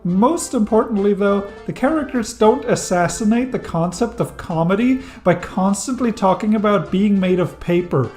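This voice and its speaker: A thirty-year-old game reviewer, a non-native English speaker, delivers scripted video-essay narration about a game's history. His voice is high and darkish, with lively intonation, a moderate pace and few pauses, backed by soft music. He sounds wry and enthusiastic, dropping dry jokes.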